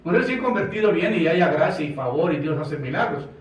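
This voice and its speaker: Impassioned Colombian preacher, echoey and distant. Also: male voice, on the high side, very animated, fairly quick. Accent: Colombian Spanish. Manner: impassioned preaching, acting out dialogue. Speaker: pastor. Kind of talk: sermon. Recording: echoey room from far off.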